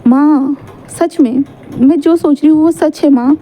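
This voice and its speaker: A woman voicing a kind young woman gently persuading her mother. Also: high-pitched, measured pace. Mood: gentle persuasion. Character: kind young woman, calm and understanding daughter.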